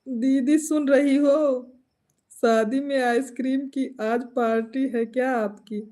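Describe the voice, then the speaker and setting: A woman's voice: high voice, fairly even intonation, slow, dark tone. A woman folk singer with an Awadhi Hindi accent, chatting at home on a live stream, laughing often and answering viewer comments.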